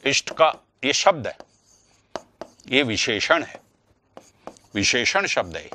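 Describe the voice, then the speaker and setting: A man's voice: medium pitch, sing-song, takes it slowly, pushed and bright, slight background noise. A male teacher giving an online grammar lesson, asking rhetorical questions and repeating key words for stress.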